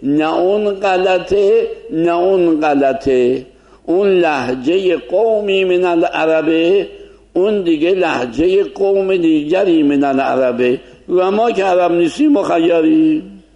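Male teacher, gravelly voice, casual lecture style, rhetorical questions. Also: a little high, dark tone, muffled recording. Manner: conversational, explaining with rhetorical questions. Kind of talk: informal lecture to a class.

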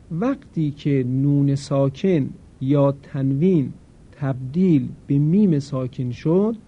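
A man teaching the rules of Quran recitation, explaining each rule plainly and then demonstrating it with slow, drawn-out recitation. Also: medium pitch. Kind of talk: recorded tajweed lesson. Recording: dull lo-fi recording.

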